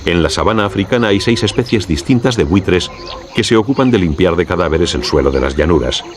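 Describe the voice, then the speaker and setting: A man with a Castilian Spanish accent reads scripted nature documentary narration in a measured, formal storytelling way. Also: deep voice. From Spain. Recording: clear background noise with insect ambience.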